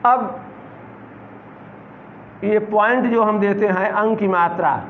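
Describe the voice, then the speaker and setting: A middle-aged man leads a reading lesson, his voice set high and his words dragged out very slowly, one syllable at a time. The sound is thin and tinny like a phone line, with a faint hiss behind it. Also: reverberant. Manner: slow, drawn-out syllable-by-syllable spelling. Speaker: teacher.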